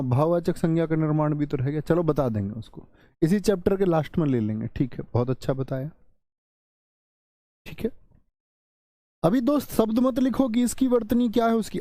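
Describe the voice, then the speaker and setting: A man's voice: high voice, mellow, no echo, clean studio sound. A man teaching a Hindi exam-prep class, drilling sounds aloud and quizzing his students as he goes.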